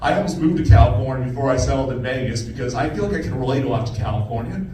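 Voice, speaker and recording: A man in his thirties from Florida doing a stand-up set with deadpan, self-deprecating one-liners. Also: mid-range voice, racing. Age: 30s. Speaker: stand-up comedian. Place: comedy club stage. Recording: roomy club sound from a distant camera. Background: audience laughter and club noise.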